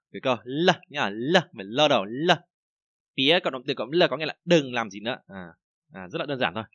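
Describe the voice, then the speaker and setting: A man with a Vietnamese accent teaching a language lesson, reading example sentences slowly and then explaining them in a casual, chatty way. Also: medium pitch, a bit bright, dry recording, lo-fi sound. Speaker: Chinese teacher.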